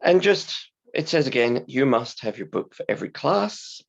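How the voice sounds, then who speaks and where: Man, English teacher, croaky sore-throat voice with creaky starts, swinging intonation, simple emphatic explanations. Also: mid-range voice, big pitch swings, dull audio. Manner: simple, deliberate phrasing for learners, emphatic. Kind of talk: scripted-slide lesson explanation.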